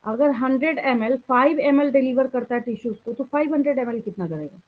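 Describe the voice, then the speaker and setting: Indian lady biology teacher, kinda high voice, sounds like an old phone line, keeps quizzing the class. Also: fairly quick. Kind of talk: classroom lecture.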